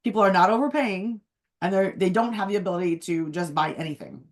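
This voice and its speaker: A woman real estate agent with a hoarse, phlegmy voice, chatting casually about the housing market. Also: mid-range voice, fairly quick. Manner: chatty, uses many fillers. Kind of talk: casual market update chat. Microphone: video call.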